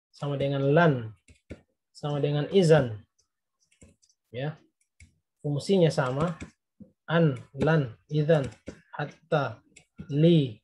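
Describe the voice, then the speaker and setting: A man's voice: medium pitch, a little mellow, husky. A man giving a recorded Arabic grammar lesson, explaining patiently and translating each word. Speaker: Arabic teacher.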